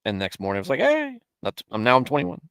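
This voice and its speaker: A man's voice: medium pitch, wildly swooping pitch, fast talker, fairly bright tone, clear, resonant tone, no echo. A man in his thirties hosting a casual live stream, answering viewers in a rambling, self-correcting way and chuckling often. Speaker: streamer hosting a Bible show.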